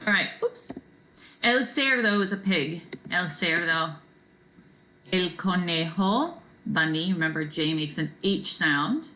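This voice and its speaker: Lady teacher walking students through vocab, chatty and laid back, low-ish bright voice. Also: slow, slight background noise, rough recording. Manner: relaxed, chatty, many fillers and "right?". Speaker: Spanish teacher. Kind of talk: recorded classroom vocabulary lesson.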